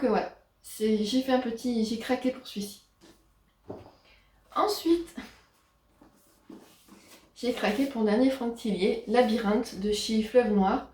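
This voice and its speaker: Woman, book vlogger, casual and hesitant, fairly high voice, roomy echoey recording. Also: dark tone. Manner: chatty, hesitant with frequent pauses. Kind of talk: casual book haul chat. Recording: roomy echo.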